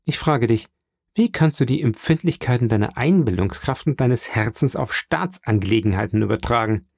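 A man's voice: medium pitch, expressive, normal speed, creaky, darkish tone, husky, no room sound, clean studio sound. A man voicing a stern, haughty aristocratic mother who scolds dismissively. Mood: scolding.

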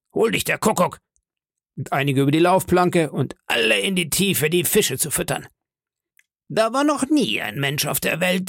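A man voicing Long John Silver, gravelly blustering pirate. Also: a little high, a bit bright, no room sound, clean studio sound, voice pushed up. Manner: bellowing threats, swaggering. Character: old one-legged male pirate captain, menacing, boastful. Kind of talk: audiobook reading.

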